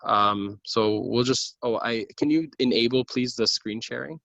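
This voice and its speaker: Over a video call, a doctor from Lebanon, a gynecologic oncologist, lectures informally and earnestly, often saying um and restarting sentences. His medium-pitched voice is gravelly yet fairly bright, at a measured pace. The computer-mic audio is dull and dry.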